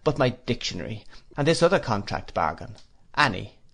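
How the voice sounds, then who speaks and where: A man's voice: fairly low pitch, big pitch swings, brisk, vocal fry, heavily acted. A man reading an audiobook, voicing a kindly, cheerful older male schoolmaster. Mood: genial. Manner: cheerful, warm-hearted.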